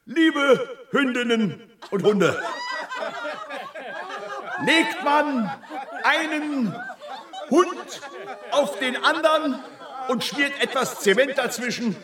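An actor playing a flustered, impatient, self-important mayor in a children's audio drama, blustering and oratorical. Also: male voice, extremely high pitch, lively intonation, very slow, pauses often, reverberant, a crowd in the background, full character voice.

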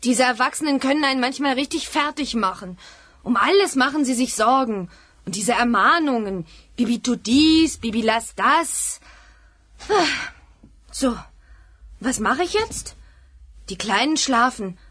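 A woman's voice: high-pitched, animated, measured pace, long pauses, no room sound, heavily acted. An actress voicing a cheeky young teen witch girl in a children's radio play, bossy and exasperated as a babysitter. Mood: relieved. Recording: loud background noise, crying babies.

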